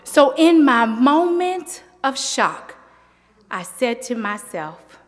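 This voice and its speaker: A woman giving a sermon as the youth Sunday speaker, talking in a slow, deliberate preaching manner. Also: high voice, sing-song, big-room sound. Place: church.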